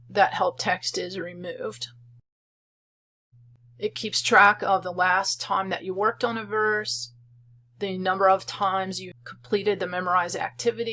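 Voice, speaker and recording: A woman who made a software program calmly explains it step by step in a screen-recorded tutorial. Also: medium pitch. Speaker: software creator demonstrating her program.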